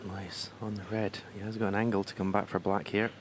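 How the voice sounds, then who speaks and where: A man giving hushed snooker commentary over a quiet audience. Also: on the low side, flat delivery, brisk, slight background noise. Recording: faint arena crowd behind.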